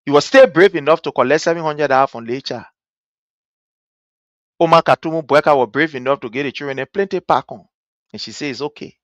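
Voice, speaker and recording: Talking fairly quickly but pausing often, this Liberian commentator uses a mid-range voice and a Liberian accent to mock and rail at his audience. He leans on rhetorical questions and emphatic repetition, and the audio has no echo.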